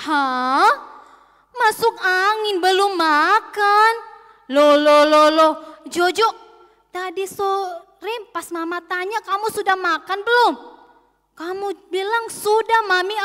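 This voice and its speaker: A woman's voice: extremely high pitch, steady tone, unhurried, pushed and bright, long reverb tail, voice pushed up, full character voice. A woman voicing a worried mother who fusses and scolds her son in a children's story. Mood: scolding. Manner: fussing, exclaiming.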